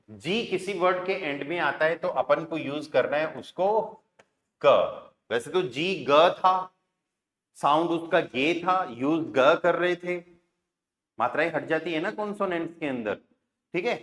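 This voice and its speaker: A Hindi-speaking man teaching German pronunciation rules in a classroom lesson, spelling words letter by letter, sounding them out slowly and often asking "right?" and "okay?". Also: a little high, lively intonation, fairly bright tone.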